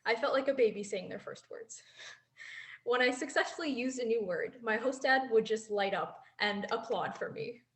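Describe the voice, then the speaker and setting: A woman in her twenties, once an exchange student, delivers an earnest, reflective prepared speech into a handheld mic. Her voice is fairly high and moves at a normal speed, with light laughter now and then.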